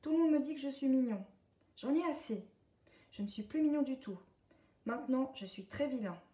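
A woman's voice: sits high, lively intonation, moderate pace, dark tone, voice pushed up. Woman voicing Jo, a cheeky little duckling. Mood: grumpy. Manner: sulky and cheeky. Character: little male duckling turned naughty. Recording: echoey room, distant mic.

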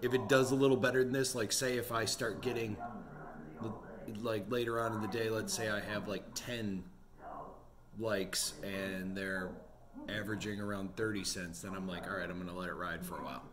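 A man in his forties who runs an online resale business chats casually in a vlog about his day at home, sitting in a home office lined with bookshelves. His voice is lowish with fairly even intonation and a moderate pace, and crowd noise can be heard.

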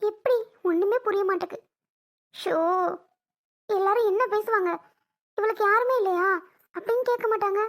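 Woman doing a very high-voiced young mom from a family drama skit, emotional and repetitive. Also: normal speed, long pauses. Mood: bitter, aggrieved. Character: anxious young mother wronged by her brother's family.

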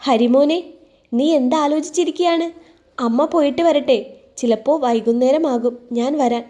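A woman's voice: high-pitched, moderate pace, mellow, lightly acted. Woman doing a sly, scheming mother. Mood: coaxing. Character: scheming middle-aged mother, sly and coaxing.

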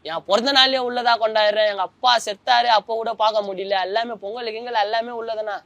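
A man's voice: high-pitched, fairly even intonation, quick pace, sharp tone, no echo. A young man, giving a colloquial personal account as a former prisoner, often trailing off as he searches for words. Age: young adult.

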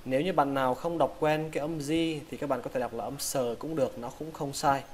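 A man teaching English words in a slow lesson, sounding out each part of a word and saying every word twice. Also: medium pitch, steady tone, a little hiss or hum. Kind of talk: slow vocabulary lesson for Vietnamese learners.

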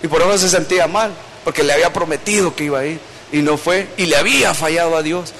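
A man's voice: a little high, quick pace, a bit bright, a little hiss or hum. A male pastor, preaching a sermon in a conversational storytelling way. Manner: conversational storytelling preaching, acting out quoted voices.

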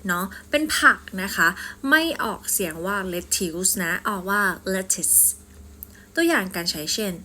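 A woman with a Thai accent, teaching English pronunciation in a polite, deliberate way and saying sample sentences slowly. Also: mid-range voice, sing-song, bright, forceful tone, slight background noise. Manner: slow deliberate example sentences, polite particles. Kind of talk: scripted language lesson.

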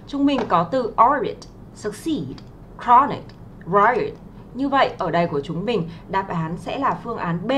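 A woman's voice: mid-range voice, fairly bright tone, a little hiss or hum. A young woman teaching English to exam students on a livestream, speaking politely and patiently with many filler sounds and friendly tag questions, reading English words with a Vietnamese accent.

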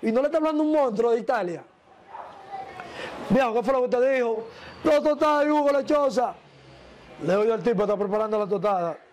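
Man, high voice, animated storyteller, interview guest. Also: fast talker, slight background noise.

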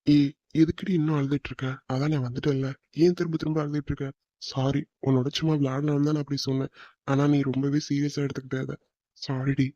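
A man's voice: mid-range voice, level tone, fast talker, warm tone, highs cut off, close to an everyday voice. A man voicing a playful young man in a cartoon, coaxing and apologetic. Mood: pleading. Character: young man, teasing and pleading boyfriend. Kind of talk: cartoon voice acting.

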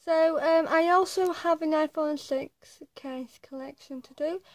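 A young woman with a tongue piercing chatting casually and hesitantly to the camera as a vlogger, pausing often between short phrases. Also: high-pitched. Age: young adult. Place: small attic bedroom, indoors. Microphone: phone or webcam at arm's length.

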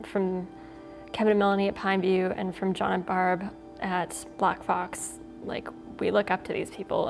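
Gravelly-voiced woman, restaurant owner. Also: medium pitch. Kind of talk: documentary interview.

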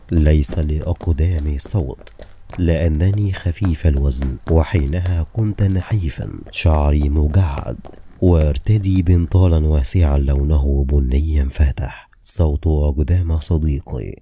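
A man narrating a novel in the first person, calm and measured. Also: rumbling low, a little hiss or hum. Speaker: audiobook narrator.

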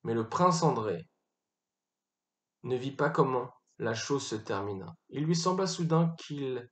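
Male reader, mid pitch, dramatic literary narration, echoey room. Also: lively intonation, measured pace, fairly bright tone. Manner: narrates with rising intensity in battle scenes, occasional slips and restarts. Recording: roomy echo.

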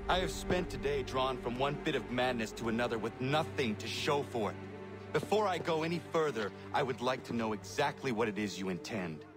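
A wary young warrior, voiced by a man speaks gravely and bluntly, doubting the plan. His voice sits in the middle of the male range. Game music plays clearly behind him. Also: medium pitch, animated, a little fast, close to an everyday voice. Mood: skeptical. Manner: grave, terse, skeptical.

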